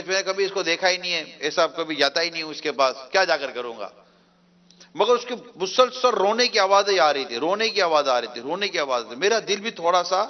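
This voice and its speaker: A man's voice: fairly high pitch, sharp tone, dull audio. A man preaching a sermon, telling a story emotively with repeated phrases.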